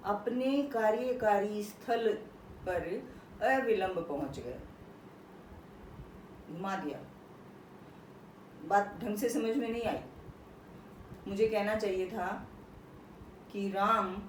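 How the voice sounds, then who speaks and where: A woman teacher explaining a poem to her class, working through examples slowly and often checking whether her students follow. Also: medium pitch. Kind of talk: classroom poetry lesson. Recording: echoey room, voice from far off, faint noise.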